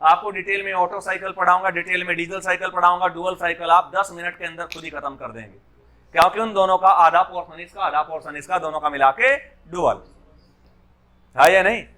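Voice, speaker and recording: Male engineering tutor, high-pitched voice, bright tone, classroom lecture, rhetorical check-ins. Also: fairly even intonation, a little fast. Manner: keeps checking in with students with rhetorical questions.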